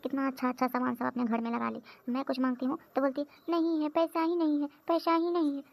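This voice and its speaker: A woman's voice: high voice, little pitch movement, fast, vocal fry, darkish tone. A woman voicing a bossy, hot-tempered married sister on a visit in a comedy cartoon, who scolds and complains constantly. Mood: grumbling, scolding. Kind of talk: cartoon voice acting.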